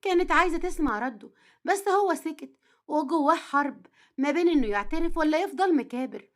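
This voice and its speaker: High-voiced Egyptian woman storyteller. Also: expressive, brisk. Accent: Egyptian Arabic. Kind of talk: romantic story narration.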